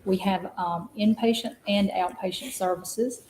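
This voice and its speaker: A woman speaking as a guest on a radio show about local health services, measured and earnest with small hesitations. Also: medium pitch, darkish tone, reverberant, low-quality recording. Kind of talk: radio interview.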